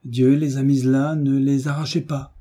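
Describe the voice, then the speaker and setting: A man reading the part of a calm, kindly male tutor, reasoning in a measured way. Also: mid-range voice, close to an everyday voice. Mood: didactic.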